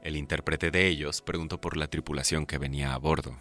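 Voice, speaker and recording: A man delivering scripted documentary narration in a measured, calm way. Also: very deep voice, faint music behind.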